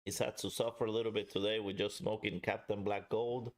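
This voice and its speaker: A man's voice: fairly low pitch, little pitch movement, a little fast. A man hosting a casual live review and chat, talking directly to viewers in a chatty way. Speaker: livestream host and pipe reviewer.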